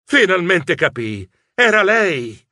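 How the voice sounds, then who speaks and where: A man narrating a children's audiobook in first person as a nervous mouse writer, in an expressive storytelling voice. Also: high-pitched, slow pace, no room sound, clean studio sound.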